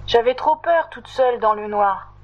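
Tiny prim female creature, high squeaky voice, quick to protest; storybook; woman reader plays her. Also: lively intonation, dull audio, lightly acted. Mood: pleading. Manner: high, indignant, drawn-out exclamations. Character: tiny fussy female creature, easily indignant.

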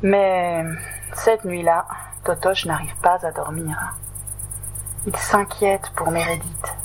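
A woman reading a children's story aloud in a gentle, unhurried way. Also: lowish voice, fairly even intonation, over music, rough recording.

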